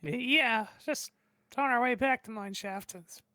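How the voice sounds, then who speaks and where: A man's voice: very high-pitched, measured pace, sharp tone, dry recording. A man casually improvising as a player in a tabletop role-playing game.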